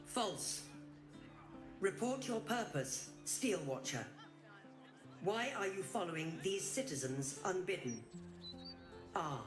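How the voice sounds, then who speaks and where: A woman voicing a stern mechanical city guard construct that speaks in flat, official commands. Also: fairly low pitch, slow pace, pauses often. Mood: commanding. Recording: echoey game audio. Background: game music.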